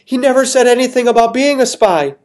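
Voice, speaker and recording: A man voicing a frightened middle-aged woman prisoner, pleading desperately in a high, strained falsetto. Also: fairly quick.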